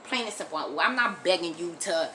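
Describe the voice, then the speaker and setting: Low-voiced American woman, bright and emphatic. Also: expressive, a little fast, a little hiss or hum. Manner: emphatic, blunt, repeats phrases for force; frequent swearing. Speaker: video commentator. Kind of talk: impassioned opinion monologue to camera.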